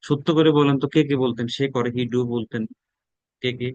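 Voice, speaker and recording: A man's voice: medium pitch, steady tone, fairly quick, darkish tone, no echo, muffled recording. A man with a Bangladeshi accent teaching a spoken English class. He drills words aloud and repeats them. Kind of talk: classroom lesson.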